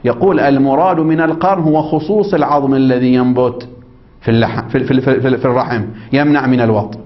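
A man's voice: medium pitch, fairly even intonation, quick pace. A man teaching religious law in a seminary lecture, reading a text aloud and explaining it. He keeps quizzing his listeners with prompting questions and checking that they follow. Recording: dull lo-fi recording.

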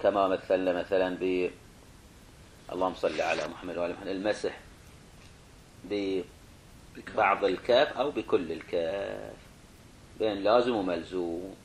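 Low-voiced man giving a methodical lecture. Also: steady tone, normal speed, pauses often, slight background noise. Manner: methodical, repeats and rephrases points; asks rhetorical questions to the class. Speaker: religious studies teacher. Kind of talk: classroom lecture.

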